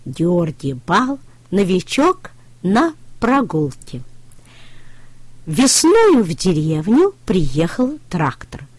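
A woman reading a children's story aloud in a slow, expressive storytelling style, close to the microphone. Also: fairly low pitch, dry recording.

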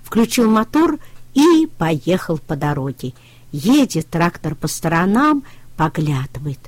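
A woman reading a children's story aloud in a slow, expressive storytelling style, close to the microphone. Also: lowish voice, no room sound.

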